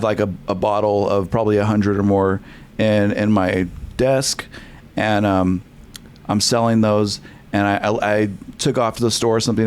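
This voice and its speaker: A man's voice: lowish voice, smooth. A young man, a podcast guest from California, telling his story candidly with many restarts and fillers.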